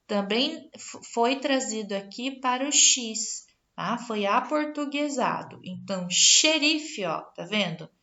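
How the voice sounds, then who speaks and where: A Brazilian woman teacher runs a spelling lesson, reading out word lists and checking in with the class, in a Brazilian Portuguese accent. Her fairly high voice is expressive, slow, pushed, and bright, and the recording's highs are cut off.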